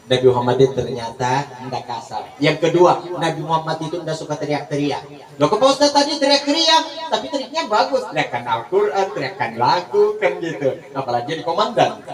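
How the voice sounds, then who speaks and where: A man giving a joking, animated sermon at a large religious gathering, acting out quoted couples. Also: mid-range voice. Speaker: preacher. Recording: echoey, distant mic with crowd.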